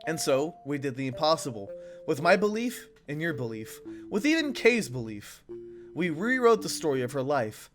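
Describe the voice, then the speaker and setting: A hoarse man reading a game's sincere, reflective storybook figure aloud. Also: on the high side, big pitch swings, moderate pace, soft background music, pitched below the performer's own voice. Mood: earnest. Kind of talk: reading game dialogue aloud.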